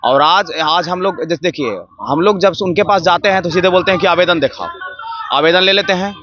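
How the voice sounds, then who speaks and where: A man's voice: sits high, brisk, background noise. A man, a protesting teacher candidate, speaking aggrieved in a street interview and firing off rhetorical questions. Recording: dull lo-fi street recording.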